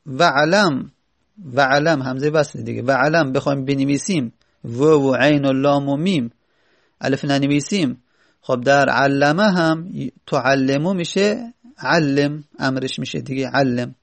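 Male teacher, slightly high, gravelly voice, reads Arabic phrases and explains them patiently. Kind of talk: seminary classroom lecture.

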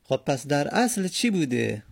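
A man's voice: a little high, big pitch swings, gravelly, husky, dry recording. A man teaching an Arabic grammar lesson, explaining step by step, spelling out word forms and asking and answering his own questions.

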